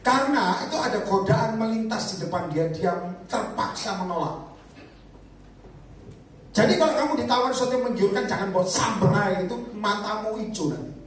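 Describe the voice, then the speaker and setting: High-voiced preacher in an echoey hall. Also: male voice, moderate pace, slight background noise. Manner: animated, jokes and asks the crowd to raise hands; acts out voices of disciples and believers. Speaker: evangelist preacher. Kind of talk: lively sermon. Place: church or prayer meeting hall. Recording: echoey hall, recorded from far off.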